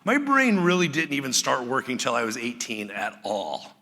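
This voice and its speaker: Animated male pastor in a reverberant hall. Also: mid-range voice, normal speed. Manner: animated, conversational, acts out quoted lines. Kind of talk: sermon.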